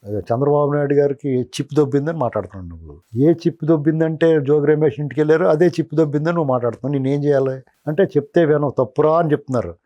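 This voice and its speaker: A man's voice: fairly high pitch, racing, dark tone, lo-fi sound. A man giving heated political commentary as an analyst, scolding a politician directly.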